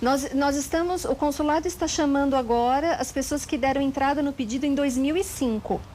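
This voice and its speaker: High-voiced Brazilian woman lawyer. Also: brisk, a little hiss or hum, low-quality recording. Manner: calm, methodical, precise explanations. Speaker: lawyer, interview guest. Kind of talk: explaining legal procedures in a studio interview.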